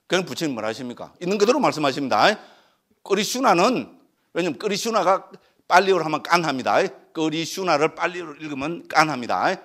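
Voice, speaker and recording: A man's voice: fairly high pitch, expressive, fairly quick, a bit bright. A middle-aged man with a Gyeongsang Korean accent, a Buddhist monk lecturing on scripture and constantly tossing rhetorical questions to his listeners. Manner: peppers talk with rhetorical questions.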